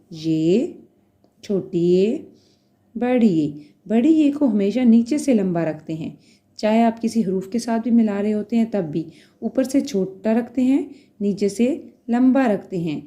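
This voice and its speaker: A woman teacher takes a beginner class through its letters slowly and patiently. She names each one, then checks that the listener is following. Her voice is soft and mellow, and her pace is unhurried. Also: mid-range voice. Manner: spells out letters one by one, checks in with "theek hai". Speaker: Urdu teacher. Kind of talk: slow, patient beginner lesson.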